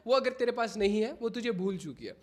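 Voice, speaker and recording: Young man, very high voice, livestream chat, mixes in English, begs viewers to stop laughing. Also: lively intonation, brisk. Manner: mixes English phrases into Hindi. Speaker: livestreamer giving advice to chat.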